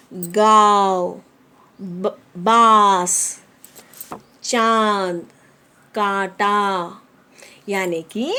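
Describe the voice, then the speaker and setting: A woman teaching a lesson to children, repeating each word slowly, explaining it in English and often asking if they understand. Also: sits high, a bit bright. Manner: slow, repeating words and explaining them in English.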